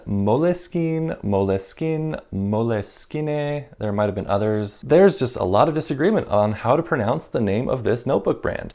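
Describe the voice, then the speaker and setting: A man's voice: fairly low pitch, gravelly, a little mellow. A man vlogging casually about stationery with a wry, self-mocking manner. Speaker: stationery YouTuber. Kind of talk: casual vlog talk.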